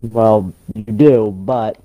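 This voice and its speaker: A man playing a hesitant seventy-year-old retired explorer in an improvised game role-play, talking haltingly as an old man. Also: lowish voice, dry recording, phone-quality sound. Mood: hesitant, matter-of-fact.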